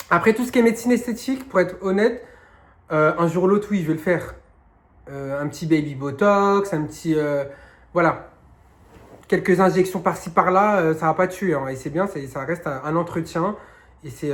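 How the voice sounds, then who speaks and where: A young man talking casually and frankly in a question-and-answer vlog, full of slang and fillers. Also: a little high. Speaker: YouTuber answering viewer questions. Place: indoors, sitting on his knees.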